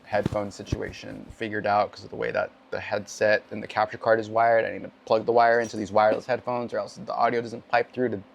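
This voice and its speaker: A man streamer with a hoarse voice and a cough, rambling in upbeat, self-deprecating chat as he wraps up a racing stream from his home gaming setup. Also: on the low side, little pitch movement, fast talker, hardly any pauses, slight background noise. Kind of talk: casual end-of-stream chat.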